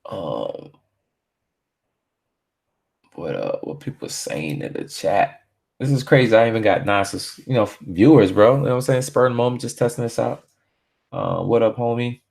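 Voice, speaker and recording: A man from Barbados with a very deep, low voice rambles through a relaxed home live stream, using slang and plenty of fillers. He speaks at a moderate pace with lively intonation, vocal fry, frequent pauses, and a slightly mellow feel.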